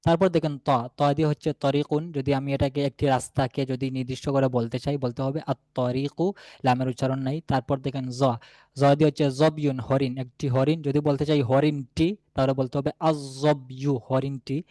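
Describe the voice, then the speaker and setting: A man's voice: medium pitch, flat delivery, dark tone, no room sound. Patient man teaching Arabic letters. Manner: patient, repeats each example word slowly. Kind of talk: classroom lesson.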